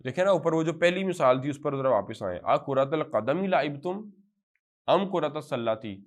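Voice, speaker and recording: A man with a Pakistani accent teaching Arabic to a live class. He spells out example phrases slowly and then explains them in quick bursts. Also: fairly high pitch, lively intonation. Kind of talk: classroom lecture.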